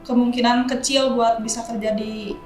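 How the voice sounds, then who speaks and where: A young woman being interviewed as a trainee guest, speaking shyly and haltingly with drawn-out fillers. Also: a little high, little pitch movement, reverberant, soft background music. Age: young adult. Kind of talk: casual interview answers.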